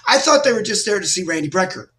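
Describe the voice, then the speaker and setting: A high-pitched middle-aged man from Texas, guest on a casual interview. He tells stories with energy, acting out the lines of other people. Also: fast. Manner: animated anecdotes with lively acted-out quotes. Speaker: guest musician.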